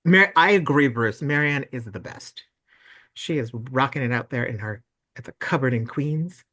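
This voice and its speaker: A man's voice: medium pitch, lively intonation, moderate pace, bright, forceful tone. Bubbly New man hosting online. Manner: bubbly and effusive, gushing over ideas. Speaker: webinar host for volunteers and parents. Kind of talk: casual online meeting presentation. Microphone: video call.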